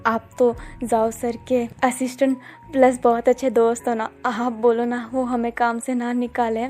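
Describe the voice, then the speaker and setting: A woman's voice: a little high, level tone, normal speed, darkish tone, natural voice. Woman voicing nervous, stammering young men. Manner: stammering, pleading. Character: nervous young male workers caught smoking.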